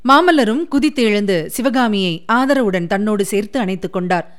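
A woman with a mid-range voice narrates a classic novel as an audiobook. Her scripted storytelling is measured and expressive.

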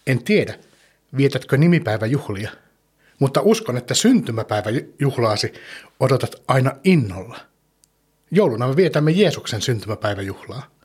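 A man hosts a children's podcast, gently telling a story and putting questions to the young listener. His voice is medium-pitched, sing-song, and husky.

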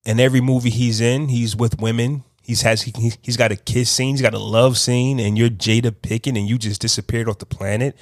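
A man hosting a podcast, giving casual unscripted commentary, talking slowly and thinking aloud with frequent restarts. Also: mid-range voice, fairly even intonation, no echo, studio quality. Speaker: podcast host.

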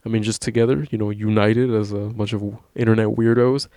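A man's voice: lowish voice, flat delivery, a little fast, dark tone, no echo, studio quality. A young man chatting casually on a podcast, rambling and swearing often, with frequent laughs. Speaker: podcast co-host. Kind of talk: casual chat.

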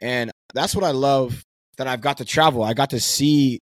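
A young man with a mid-range voice asks searching questions and hedges often with "like" and "I guess", speaking in an animated way in a casual podcast chat. The sound is dry and close. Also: medium pitch, moderate pace, no echo. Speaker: podcast co-host.

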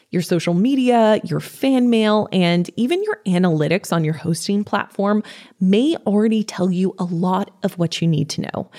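A woman's voice: mid-range voice, warm tone. A woman hosting a podcast, delivering scripted how-to advice in an upbeat, tidy vlogger manner with playful asides. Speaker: podcast host giving advice.

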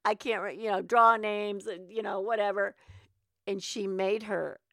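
A woman co-hosting a podcast, telling stories in an animated way. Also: mid-range voice, measured pace, vocal fry, no echo, studio quality. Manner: animated storyteller, interrupts and laughs. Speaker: podcast co-host. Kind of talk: casual chat.

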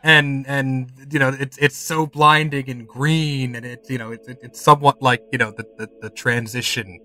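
Bright-voiced man narrating a tabletop game. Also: medium pitch, steady tone, faint music behind. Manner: halting, repeats words as he improvises. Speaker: game master.

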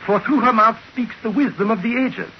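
A man's voice: extremely high pitch, fairly quick. An actor playing a sly, obsequious male trinket dealer in a 1940s radio drama, speaking in broken, overly polite phrases. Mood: fawning. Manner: fawning, excitable, broken formal speech. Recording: dull old radio broadcast with faint hiss.

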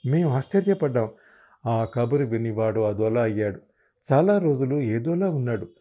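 A man voicing an affectionate, protective older mother-in-law in an audiobook reading, coaxing and quick to worry. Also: mid-range voice, expressive, dark tone, natural voice. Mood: explaining. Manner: coaxing, worried, quickly indignant.

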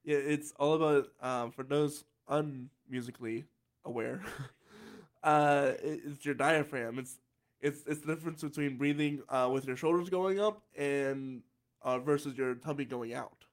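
A man's voice: mid-range voice, a little slow. A young man hosting a podcast in a casual chat, laughing often and tripping over repeated words. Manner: chatty, laughing, repeats words when excited. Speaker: podcast host.

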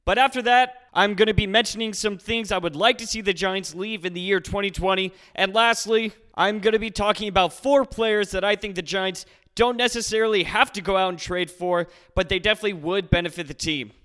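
A man's voice: high voice, brisk, fairly bright tone, smooth. A man hosting a solo sports podcast from a garage, speaking to listeners in an upbeat, announcer-like way through scripted commentary. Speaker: podcast host. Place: recorded in a garage.

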